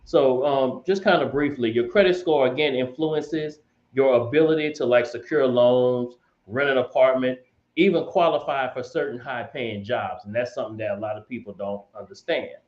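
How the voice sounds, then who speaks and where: A man as a financial guest explaining in a casual chat, measured and hesitant with many ums. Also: mid-range voice, darkish tone. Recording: roomy, dull remote audio.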